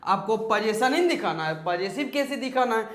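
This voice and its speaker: A man's voice: sits high, animated, normal speed, fairly bright tone, roomy sound. A man teaching an English grammar lesson, explaining step by step, repeating key words and asking the class questions.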